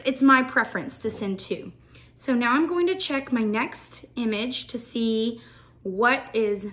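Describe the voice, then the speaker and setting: A woman's voice: sits high, fairly bright tone. A woman chatting through a show-and-tell vlog as she packs a gift box, enthusiastic and full of ums. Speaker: shoebox packing vlogger.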